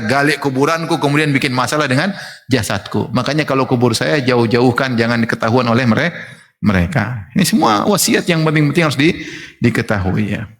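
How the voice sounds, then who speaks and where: A male Islamic preacher giving a sermon, who recites Arabic passages slowly and then explains them in a lively, conversational way. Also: medium pitch. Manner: lively, mimics wailing mourners in quoted asides. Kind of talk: sermon lecture. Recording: long hall reverb.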